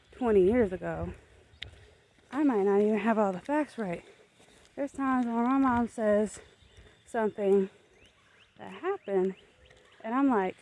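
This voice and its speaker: A woman records a casual vlog on her phone as she walks uphill outdoors. She speaks slowly, with an unhurried, reflective and gently encouraging manner. Her voice sits at a middle pitch, with faint natural outdoor sound behind it. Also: a little hiss or hum. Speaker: lifestyle vlogger. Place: outdoors walking up a hill.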